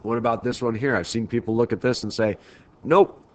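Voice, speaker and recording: Recording remotely from home, a teacher with a stuffy head cold gives a math lecture in a casual, meandering way, frequently restarting. His mid-range voice runs a little fast, with slight background noise.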